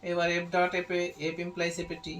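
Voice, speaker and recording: A middle-aged man teaching an online logic lesson, dictating symbols slowly and repeating each step. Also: sits high, completely flat delivery, fairly bright tone, slight background noise, poor audio. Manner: slow, repetitive step-by-step dictation.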